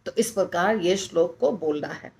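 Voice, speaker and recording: A woman's voice: fairly low pitch, normal speed, creaky, darkish tone. A woman teaching how to pronounce a Sanskrit verse, repeating each word many times and breaking it into its letters. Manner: repeats words over and over, breaking them into letters. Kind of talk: slow spoken pronunciation lesson.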